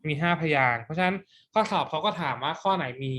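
A man's voice: on the high side, lively intonation, fast talker, pushed and bright. Playful male teacher quizzing a class. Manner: playful, quizzing students for answers. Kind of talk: exam-prep classroom lesson.

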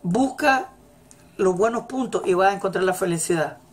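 A woman's voice: mid-range voice, normal speed, slight background noise. A woman giving a motivational religious talk, emphatic and repeating her key phrases. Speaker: religious teacher. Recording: faint music in background. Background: faint celebration music.

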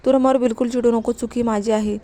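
A gentle middle-aged mother pleads with her son and tries to calm him, read by a woman. The voice is mellow and fairly high. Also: fairly quick, lightly acted. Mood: pleading. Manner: soothing and pleading.

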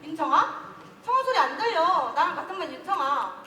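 A woman's voice: very high-pitched, very animated, brisk, bright, forceful tone, exaggerated voice. A teenage girl in a school play, acting an outspoken schoolgirl who teases her friends. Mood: teasing. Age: teens. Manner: brash, teasing. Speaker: student actor in a school play. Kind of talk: amateur stage acting. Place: school auditorium stage. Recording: hall reverb, far mic, crowd and noise.

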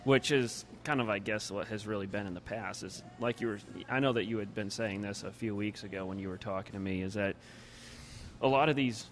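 Folksy low-voiced male host. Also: a little fast, a little hiss or hum. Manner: chatty, agreeable, folksy. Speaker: podcast host. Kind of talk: casual interview chat.

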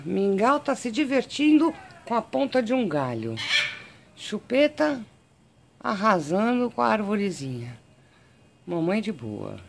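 A woman with a Brazilian Portuguese accent, chatting casually to her viewers while filming her cats at home, slipping into doting baby talk and excited squeals. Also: mid-range voice, gravelly. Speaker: pet vlogger. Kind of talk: casual chat filming pets. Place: home garden and garage.

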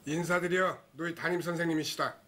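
A stern male teacher in a TV drama scolds students with full authority. His voice is high for a man and sharp, with a faint hiss behind. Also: steady tone, brisk. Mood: scolding. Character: stern senior male teacher, quick-tempered. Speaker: school teacher in charge.

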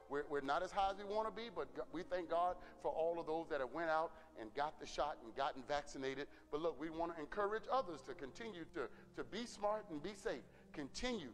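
A man's voice: high voice, in a large hall. A middle-aged man, a pastor, giving church announcements in an earnest way, often repeating words and asking "Amen?".

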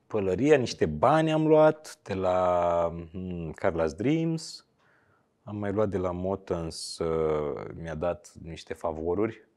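Lively low-voiced joking man. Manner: joking and sarcastic, breaks into loud mock quotes. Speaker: guest, radio host and comedian. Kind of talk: casual interview chat.

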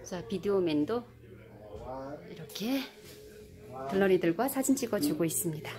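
Her voice sits lowish but stays expressive at a normal pace as she laughs her way through a casual voice-over of a Kenyan outdoor wedding. Music can be heard behind the chatty narration.

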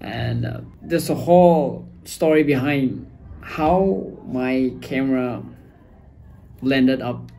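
A young man from Nagaland, chatting excitedly as he unboxes a package in a casual vlog shot on his phone. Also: medium pitch, takes it slowly, gravelly. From Nagaland, India. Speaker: vlogger. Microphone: phone video recording. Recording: phone video with faint background hiss.

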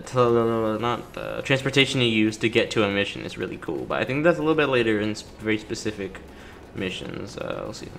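The recording carries a little hiss or hum beneath a man's mid-range, fairly bright voice. A gaming YouTuber, he casually riffs in slang through his playthrough and talks to the game's characters while light video game music plays.

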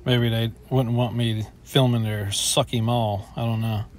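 Strolling through an indoor shopping mall, a middle-aged vlogger films on a handheld phone and bluntly airs his complaints. His mid-range voice holds a measured pace with little pitch movement, and slight background noise is present.

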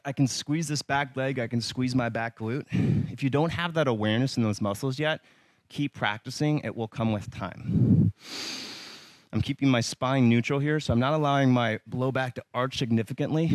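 A man leading a yoga workout, giving calm, encouraging cues with light humor and sometimes slightly out of breath. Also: mid-range voice, no room sound. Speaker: yoga instructor. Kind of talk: guided yoga class instruction.

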